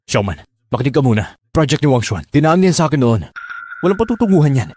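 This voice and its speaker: An actor plays a stern middle-aged father who lectures in a dismissive way. His pitch moves around a lot as he delivers this drama dub. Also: very animated, fast talker, a little mellow, a little hiss or hum, close to an everyday voice. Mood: lecturing. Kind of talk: Tagalog dub acting.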